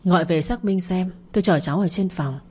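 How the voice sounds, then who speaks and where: A woman's voice: lowish voice, a little fast, mellow, husky. A woman voicing a stern, powerful rich man who speaks curtly and commandingly. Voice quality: stern, curt.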